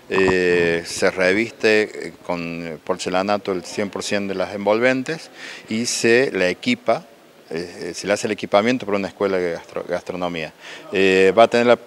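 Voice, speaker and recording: A deep-voiced municipal official with an Argentine Spanish accent is interviewed for local TV in an indoor event hall. He speaks haltingly, with lots of "eh" fillers and restarts. The audio is captured on a handheld reporter mic.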